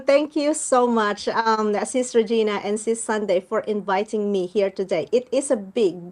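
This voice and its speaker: Woman guest, 30s, fairly high voice, earnest storyteller, video call. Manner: earnest, warm storytelling with many fillers. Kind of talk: live show interview.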